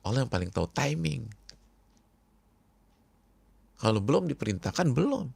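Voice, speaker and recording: A man preaching a sermon to a congregation, speaking emphatically and repeating key words, often dropping to hushed tones. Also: mid-range voice, sing-song, normal speed, gravelly, breathy edge, no room sound. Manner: addresses the congregation directly. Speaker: Islamic preacher.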